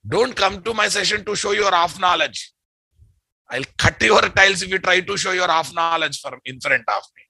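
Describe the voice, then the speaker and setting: A man's voice: high-pitched, moderate pace, vocal fry, pushed and bright, slightly rough, dry recording. A man with a Telugu Indian accent teaching a live technical class, bluntly questioning his students and repeating key phrases. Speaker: programming instructor.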